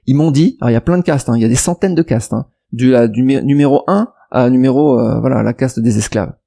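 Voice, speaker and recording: A French investment YouTuber, speaking quickly in a warm, husky, creaky voice of medium pitch, fires back at a viewer's comment on video. The reply wanders off on tangents, with repeated restarts and fillers, as he argues with the viewer directly.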